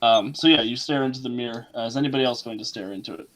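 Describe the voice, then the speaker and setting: A man narrating a tabletop game as game master, descriptive and unhurried, with frequent fillers. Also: medium pitch, fairly bright tone, a little hiss or hum, poor audio.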